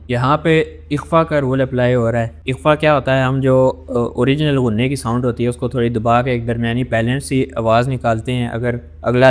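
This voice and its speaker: A man with a Pakistani accent giving an online Quran lesson. He explains the rules of recitation step by step and slows down to recite verses. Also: mid-range voice. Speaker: Quran teacher.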